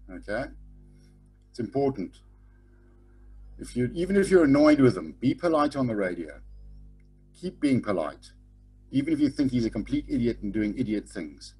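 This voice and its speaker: Lecturing on sailing over a webcam video call, a middle-aged man keeps things blunt and informal, regularly adding "okay?" to his points. His voice is medium-pitched, with a darkish tone and a breathy edge.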